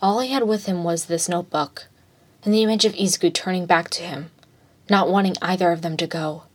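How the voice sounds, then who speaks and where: A woman with a somewhat low voice reads fan fiction aloud. She keeps a steady, plain storytelling delivery throughout the narration. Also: brisk, breathy edge.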